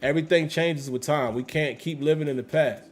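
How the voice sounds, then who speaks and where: Brief: male stream host, casual sports talk, emphatic and repetitive, slightly higher voice, faint music bed. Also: brisk. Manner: emphatic, repeats phrases, slangy. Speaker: host reading live chat. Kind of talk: casual livestream commentary.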